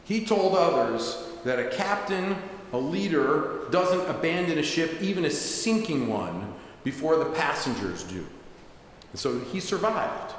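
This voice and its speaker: A man's voice: fairly high pitch, sing-song, a little slow. Male rabbi, conversational sermon storyteller, echoing hall with faint hiss. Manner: conversational, with asides. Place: synagogue sanctuary.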